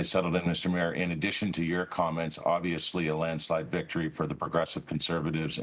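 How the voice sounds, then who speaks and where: A man's voice: very deep voice, fairly bright tone. A man serving as a city councillor who asks his question in a courteous, hesitant way, often repeating words. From Canada.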